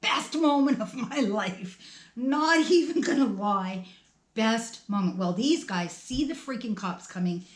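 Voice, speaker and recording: A middle-aged woman telling a personal story in a casual vlog, animated, laughing between lines and acting out her own thoughts. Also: on the high side, measured pace. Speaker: storytime vlogger. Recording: roomy echo.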